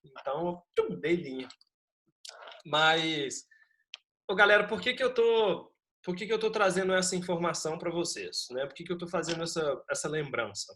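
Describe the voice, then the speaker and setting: A man's voice: on the high side, normal speed. A man who teaches history, telling his students a funny class-trip story before going back to the lesson. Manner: lively anecdote with acted quotes and laughter.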